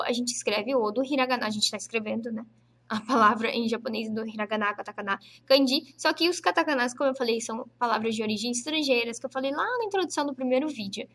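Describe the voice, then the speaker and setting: A woman gives a relaxed online language lesson. Her voice sits a little high, and she takes her time, repeating each word slowly and patiently for her learners. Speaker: Japanese teacher.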